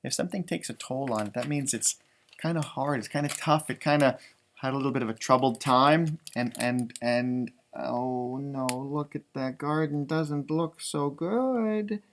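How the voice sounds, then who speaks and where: This elementary music teacher, an American man, reads a children's picture book in an unhurried, mid-range voice, lengthening words for emphasis and tossing in easy, chatty explanations.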